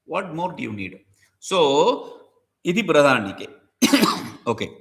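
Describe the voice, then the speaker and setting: Animated man teaching scripture. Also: a little high, takes it slowly, gravelly. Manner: explains each Sanskrit term in English, chants verses. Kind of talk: scripture commentary lecture.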